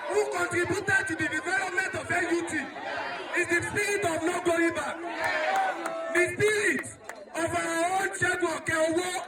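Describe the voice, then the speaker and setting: A Nigerian man with a very high, strained voice delivers a protest speech, declaiming each point with emphatic repetition. He is recorded from a distance with a lot of echo, and a crowd murmurs behind him. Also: steady tone, moderate pace, very noisy. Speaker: protest speaker. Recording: echoey crowd recording from far off.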